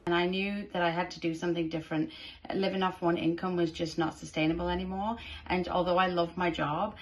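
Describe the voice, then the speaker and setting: A woman's voice: lowish voice, level tone, a little fast, rough recording. A woman from the United Kingdom, a former preschool teacher, chatting casually with fillers in a personal testimonial. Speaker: preschool teacher turned business owner.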